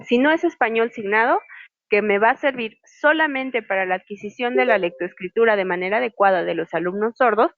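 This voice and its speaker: A woman's voice: on the high side, brisk, fairly bright tone, no room sound. A woman teaching sign language in an online class, explaining patiently and spelling out letters one by one. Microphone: video call microphone. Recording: muffled lo-fi video call audio.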